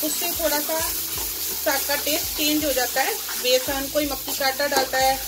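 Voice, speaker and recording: High-voiced woman chatting while cooking. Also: fairly even intonation, a little slow, noisy background. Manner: chatty, homely, explains as she cooks. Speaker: cooking vlogger. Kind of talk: casual cooking demonstration. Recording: music playing behind.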